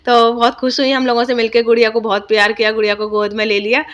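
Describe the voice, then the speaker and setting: A woman's voice: a little high, completely flat delivery, fast, dull audio. A young woman vlogger, narrating her day in a chatty, homely way with lots of fillers. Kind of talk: casual vlog voice-over narration.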